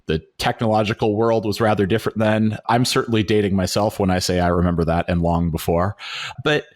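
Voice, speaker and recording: A man's voice: fairly low pitch, steady tone, a little fast. A middle-aged man hosting a podcast, reading an upbeat scripted intro and then chatting with a guest in an enthusiastic way. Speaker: podcast host.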